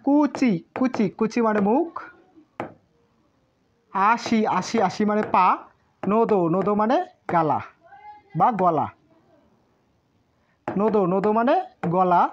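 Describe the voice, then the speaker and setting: A woman's voice: mid-range voice, takes it slowly, pauses often, a little hiss or hum. A woman teaching a language lesson, sounding out each word syllable by syllable and repeating it several times. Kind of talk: slow spoken lesson with repeated drilling. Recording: dull lo-fi audio.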